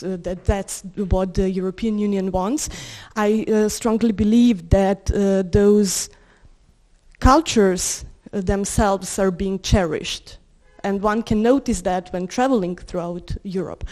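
A mellow young adult woman from Serbia, with a mid-range voice, contributes to a panel discussion. She speaks into a handheld microphone in a medium indoor room before a seated audience.

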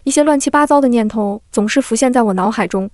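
A woman reads a historical romance audiobook as scripted narration, in a fairly high voice and at a brisk, rapid pace. Every character comes out in the same even reading voice, and the recording is close and dry, with no room sound. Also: no room sound. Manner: reads all characters in one steady voice.

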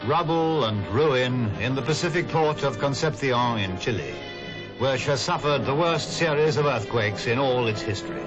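A man's voice from an old newsreel recording, delivering 1960s narration in a formal announcer's cadence. His pitch sits in a middle range, and a strong music bed plays beneath him. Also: animated, normal speed, highs cut off.

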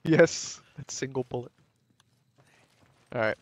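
A man with a middle-pitched voice plays co-op and chats casually. His replies are short and laid-back, and the sound is dry and free of room echo. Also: takes it slowly. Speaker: co-op gaming partner. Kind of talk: casual in-game chat.

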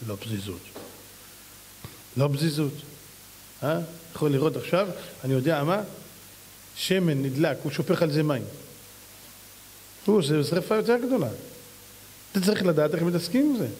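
A man's voice: darkish tone, a little hiss or hum. A man preaching as a rabbi, emphatic and full of rhetorical questions. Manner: emphatic, mimics others in high voices, rhetorical questions. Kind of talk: sermon. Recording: long hall reverb.

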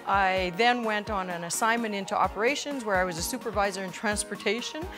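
Lively woman recalling her career. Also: mid-range voice, brisk. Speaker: employee in a recruitment video. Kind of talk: interview testimonial. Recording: background music.

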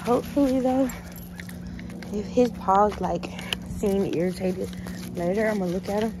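A woman's voice: mid-range voice, unhurried. A young woman chatting casually in a vlog, talking to her phone camera at home and on a walk. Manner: casual, laid-back, lively outbursts while gaming. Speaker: vlogger. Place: at home and outdoors walking a dog. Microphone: phone camera at arm's length. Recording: phone audio with wind noise outdoors.

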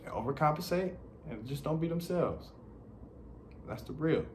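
A man's voice: on the high side, lively intonation, moderate pace, a little mellow, slight background noise. A man, giving blunt dating advice in a casual monologue full of slang and repetition. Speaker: dating commentator.

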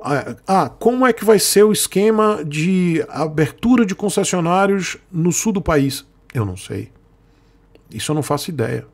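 A man's voice: medium pitch, gravelly, breathy edge. A Brazilian man, a sponsored motorcycle creator, talking casually and at length to his viewers, repeating himself and circling back. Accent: Brazilian Portuguese. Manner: rambling, repeats himself, speaks to viewers as "gente".

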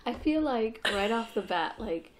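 A woman's voice: fairly high pitch, lively intonation, measured pace. A woman co-hosting a food review while congested from a cold, frank and skeptical in casual chat. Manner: frank, skeptical, lots of fillers. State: congested, under the weather.

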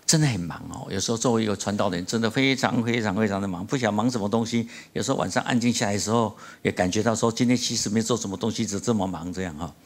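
A man preaches a sermon in a church. His delivery is impassioned and pleading, and his pitch climbs sharply as he recounts a story. At other times it settles back into earnest calls to his listeners. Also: racing, hardly any pauses. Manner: impassioned preaching, rising high and loud when telling a story. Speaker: pastor. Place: church sanctuary.

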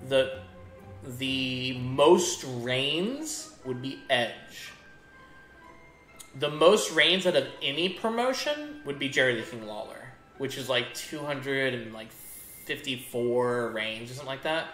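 A man's voice: mid-range voice, animated, takes it slowly, a bit bright. A man chatting casually while he plays a video game, telling rambling stories with many restarts. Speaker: gaming streamer. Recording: echoey room with faint game music.

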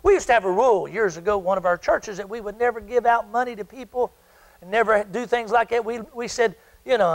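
A man's voice: high voice, rough recording. An older man preaching a sermon as pastor, often asking his congregation questions and waiting for answers. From South Carolina. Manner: call-and-response preaching, asks the congregation questions.

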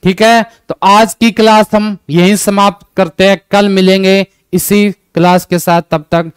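A man's voice: high-pitched, fairly even intonation, unhurried, smooth, no echo, clean studio sound. A man teaching an exam-prep lesson with an Indian accent, asking and answering his own questions and repeating each point in English.

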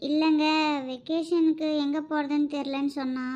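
A woman's voice: high-pitched, fairly even intonation, moderate pace, mellow, natural voice. A woman voicing an anxious wife and mother in a homemade cartoon, pleading and soothing. The recording is dull and lo-fi.

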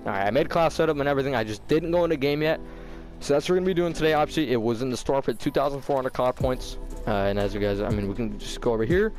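A man's voice: medium pitch, rapid-fire, darkish tone. Young man with slight braces lisp over music. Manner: informal slangy bro-style talk. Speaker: gaming YouTuber. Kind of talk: casual video game commentary.

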